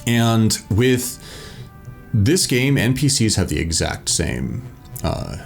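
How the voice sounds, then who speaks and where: A man with a low voice hosts a solo tabletop live play. He thinks aloud informally as he explains rules and moves. Faint music runs underneath. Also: big pitch swings, slow, gravelly. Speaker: solo tabletop game player and host.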